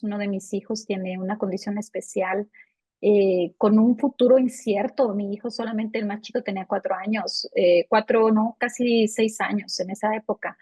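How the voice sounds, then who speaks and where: A woman's voice: mid-range voice, darkish tone, dry recording. A woman in her fifties, a financial advisor guest, answering interview questions in an earnest, personal way. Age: 50s.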